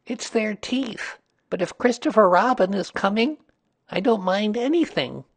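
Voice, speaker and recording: A man's voice: high-pitched, lively intonation, a little slow, husky, pitched above the performer's own voice, exaggerated voice. A man voicing a small, timid piglet, anxious, earnest and hesitant, in a children's storybook reading.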